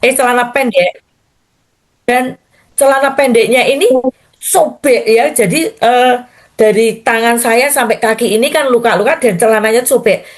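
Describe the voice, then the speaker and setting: A woman's voice: fairly high pitch, normal speed. Older woman pastor telling a testimony. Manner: storytelling, addressing listeners as Bapak Ibu. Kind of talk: testimony in a morning prayer sermon.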